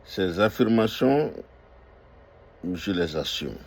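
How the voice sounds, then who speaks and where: An older restaurant owner speaks out on politics in an impassioned monologue packed with emphatic, repeated declarations and hesitant fillers. His voice is fairly low, creaky and a little mellow, with lively intonation and a slow pace.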